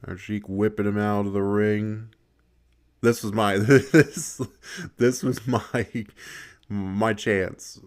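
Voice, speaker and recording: A man's voice: fairly low pitch, steady tone, slow. A man giving casual gameplay commentary, swearing a lot, laughing often and rambling with restarts. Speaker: gaming video creator.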